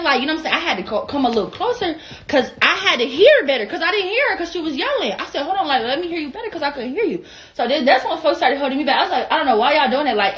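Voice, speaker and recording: A young woman from Atlanta, speaking with its accent, rants through a casual storytime. She curses freely and voices both people in the argument herself, her voice sitting a little high. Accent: Atlanta Southern American. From Atlanta, USA. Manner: animated, profane, acts out both sides of the argument. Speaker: vlogger.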